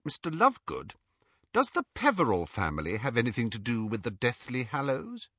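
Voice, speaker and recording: A man reading an audiobook, voicing a clever teenage girl who sounds brisk, weary and sceptical. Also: mid-range voice, very animated, a bit bright, breathy edge, no room sound. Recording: dull, dry audiobook recording.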